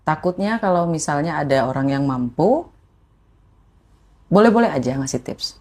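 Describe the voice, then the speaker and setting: A woman's voice: sits low, expressive, normal speed, darkish tone. A woman, a guest who used to be a food-delivery rider, tells her personal story earnestly and often addresses the host directly.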